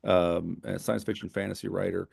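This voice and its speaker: Male host, low gravelly voice, dry sound, loose rambling delivery. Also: flat delivery, moderate pace, darkish tone, no echo. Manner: rambling, stops and restarts phrases. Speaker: podcast host and editor. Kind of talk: casual interview chat. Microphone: remote call.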